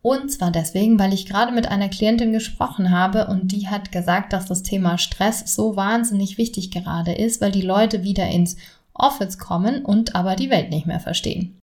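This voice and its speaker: A woman's voice: mid-range voice, normal speed, a little mellow. A woman, hosting a solo podcast on stress and talking straight to the listener in a friendly way. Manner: friendly, addresses listener directly. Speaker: podcast host and stress coach. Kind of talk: solo podcast talk with exercises.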